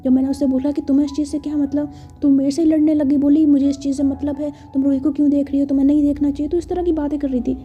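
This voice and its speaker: Indignant young woman talking back, done by a woman narrator, highish fast voice, warm tone. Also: flat delivery, muffled recording, natural voice. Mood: defensive. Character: defiant young woman, Simonika, foreign visitor.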